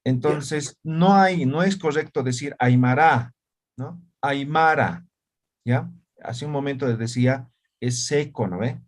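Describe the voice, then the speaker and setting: A man's voice: medium pitch, a little slow, a little mellow. A man teaching a language class on a video call, checking often that students follow. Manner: checks understanding with frequent tag questions.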